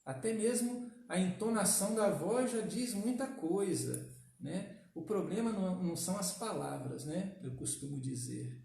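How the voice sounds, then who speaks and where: A man preaches a sermon in a warm, mellow tone, pressing his points with rhetorical questions. His voice rings through a big, reverberant church. It is picked up from well back in the room. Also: high-pitched, lively intonation, measured pace, vocal fry. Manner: emphatic preaching with rhetorical questions and frequent tag questions. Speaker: pastor. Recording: echoey church from far off.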